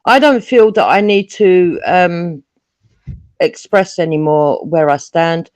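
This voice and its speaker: A man with a fairly high voice speaks from London on a live online panel, and his audio keeps breaking up as the connection drops. The sound is dry and close, with no room around it. He talks haltingly and fills the gaps with ums. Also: no room sound. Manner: hesitant, halting, with many ums. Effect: breaking up over a weak internet connection. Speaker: panel guest on a live call. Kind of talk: heated live panel debate.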